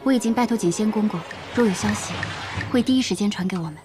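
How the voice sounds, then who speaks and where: An actress playing a calm, soft-spoken noblewoman who relays news in a level voice. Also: medium pitch, fast, over music, natural voice. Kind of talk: period drama acting.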